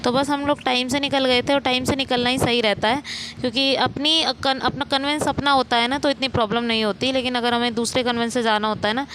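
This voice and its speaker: A woman's voice: high voice, steady tone, fast talker, few pauses, background noise. A woman narrating her home vlog in a rambling voice-over with many fillers. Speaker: vlogger.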